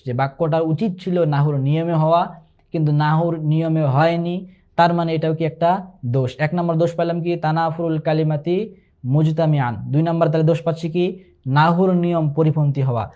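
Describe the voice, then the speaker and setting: A man's voice: fairly high pitch, fairly even intonation, lo-fi sound. Man teaching, repeating terms. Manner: explains patiently, repeats key terms and asks rhetorical questions; slows to recite Arabic examples. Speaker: instructor. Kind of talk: online exam-prep lesson.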